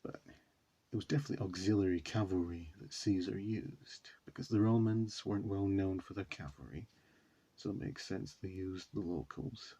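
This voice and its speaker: A man's voice: sits low, moderate pace, warm tone, slightly rough. A man hosting a reaction video, talking casually and rambling with many fillers. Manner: rambling, says you know a lot.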